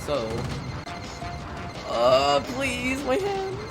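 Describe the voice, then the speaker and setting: A speedrunner gives casual, chatty live commentary while playing a video game, with game music running behind him. His voice is very high-pitched and very slow, swooping wildly in pitch.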